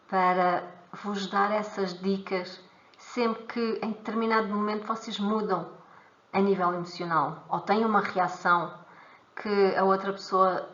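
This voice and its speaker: A woman's voice: mid-range voice, fairly bright tone. A woman with a European Portuguese accent teaches a weekly live stream on emotions. She explains step by step, restarting words and acting out short dialogues. Her voice sounds a bit muffled in a roomy, echoing space. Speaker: emotional freedom technique teacher.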